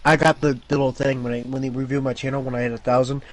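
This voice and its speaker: Fast, excitable man chatting. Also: medium pitch, poor audio. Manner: excitable, stammering restarts. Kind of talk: casual chat.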